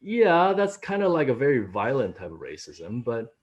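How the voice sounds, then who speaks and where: A panelist in his late thirties from Taiwan shares personal experiences with animated storytelling in a casual video-call discussion, his voice springing up when he quotes people. His mid-range voice is slightly rough and at a normal pace, captured by a laptop mic at home with the highs cut off.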